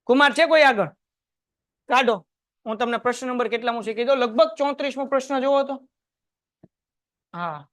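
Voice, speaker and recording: High-voiced male teacher. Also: normal speed, long pauses, a bit bright, no room sound, clean studio sound. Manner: chatty, quizzes students and tells anecdotes. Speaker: math teacher. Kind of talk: classroom lecture. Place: classroom with students.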